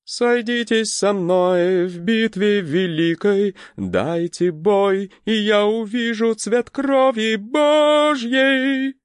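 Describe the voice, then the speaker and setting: Fox bard, boastful minstrel, chants verses high and slow with a big ringing voice; male narrator puts him on. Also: clean tone, no echo, studio quality. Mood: grand chanting. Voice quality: pleasant, chanting in a slow sing-song.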